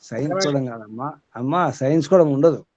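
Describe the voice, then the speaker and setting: A man's voice: medium pitch, fairly quick, darkish tone, no room sound. A man teaching a small group as their spiritual guide, asking rhetorical questions and repeating his points.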